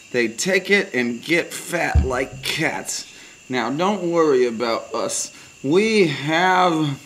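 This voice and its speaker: A man's voice: fairly high pitch, a bit bright. A man voicing a blustering, hawkish male guest in a puppet comedy sketch, lecturing in a pompous, boastful way.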